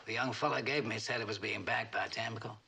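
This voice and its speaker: An actor playing a gruff, wry geological engineer in a 1970s TV crime drama. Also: male voice, lowish voice, steady tone, fast, bright, forceful tone, exaggerated voice.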